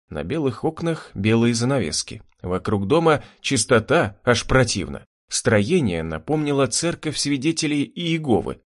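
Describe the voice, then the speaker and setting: A man narrating an audiobook in the first person, wry and reflective. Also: mid-range voice.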